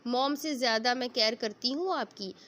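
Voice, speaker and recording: A woman's voice: fairly high pitch, moderate pace, a bit bright, close to an everyday voice. A woman reading as a chatty teasing young girl. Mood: playful. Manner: playful, bossy chatter.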